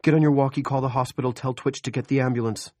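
A man's voice: medium pitch, fairly even intonation, fast, darkish tone, no echo, voice pushed up, close to an everyday voice. A man voicing a male physician assistant snapping urgent commands during an emergency, in an audiobook.

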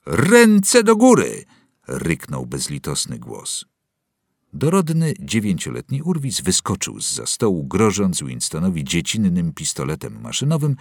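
A man narrating a novel aloud in a dramatic, expressive reading. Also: very deep voice, creaky, slightly rough, dry recording, studio quality. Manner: dramatic, wide-ranging delivery. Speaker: audiobook narrator.

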